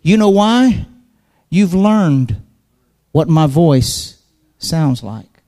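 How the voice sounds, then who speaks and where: A man's voice: fairly high pitch, expressive, very slow, dark tone, in a large hall. A man preaching a sermon in a church, impassioned, repeating phrases and building emphasis. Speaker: pastor. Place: church sanctuary.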